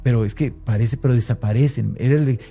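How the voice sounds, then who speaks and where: A man's voice: mid-range voice, dark tone, faint music behind. A man with a Mexican Spanish accent, telling an interviewer his own story in conversational Spanish, hesitant, with restarts and fillers. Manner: hesitant, with many restarts and fillers, slowing at tense moments. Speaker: interviewee recounting an encounter. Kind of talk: conversational first-person account.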